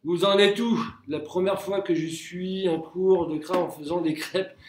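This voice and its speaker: A man teaching a relaxed live workout class at home, counting reps aloud and joking with viewers. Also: high-pitched, a little slow, a little hiss or hum. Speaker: Krav Maga instructor. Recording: echoey room, from far off.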